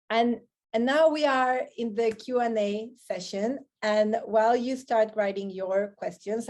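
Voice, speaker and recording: On an online video call, a woman moderates a panel's live question-and-answer session, partly reading out comments. Her voice is medium in pitch with a darkish tone, picked up by a video call microphone.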